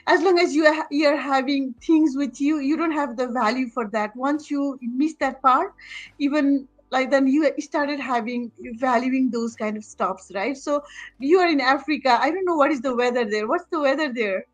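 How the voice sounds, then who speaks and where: A woman's voice: high-pitched, normal speed. A woman from Nepal, probably in her thirties, chatting on a video call as a guest, talking hesitantly with many fillers and restarts. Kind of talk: casual video-call chat.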